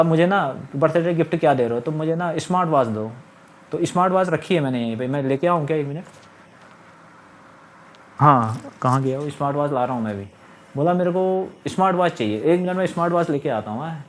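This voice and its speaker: A young man telling his own story in a casual, aggrieved monologue to camera, often quoting others. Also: fairly high pitch. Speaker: vlogger.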